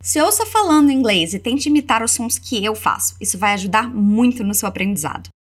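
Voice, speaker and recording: Brazilian woman English teacher, lively pitch, slow model phrases, quick explanations. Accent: Brazilian Portuguese. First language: Portuguese. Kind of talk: language lesson with repeat-after-me drills.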